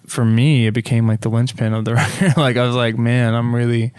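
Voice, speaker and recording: A man's voice: medium pitch, flat delivery, fairly quick, a little mellow, smooth, no room sound. A man, a musician interviewed on a podcast, talking thoughtfully about his work with many fillers and restarts. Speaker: musician guest. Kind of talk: casual interview chat.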